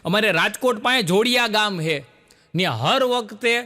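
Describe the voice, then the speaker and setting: Speaking through a stage microphone, a high-voiced male comedian tells folksy Gujarati stories to a live crowd, voicing the characters' dialogue himself. He delivers them at a moderate pace with lively intonation and a pushed, bright sound.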